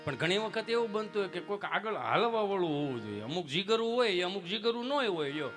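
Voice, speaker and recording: A man's voice: sits high, fairly quick, over music. A man telling folk jokes and stories on stage, acting out many voices. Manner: lively joke-telling with many acted voices. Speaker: folk comedian. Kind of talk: live stage storytelling.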